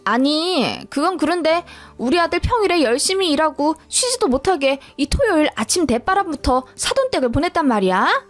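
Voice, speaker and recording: Lady putting on a high, shrill mother-in-law, older, nagging and indignant, faint music behind. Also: sing-song, moderate pace, few pauses. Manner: indignant, scolding. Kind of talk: dramatized story reading.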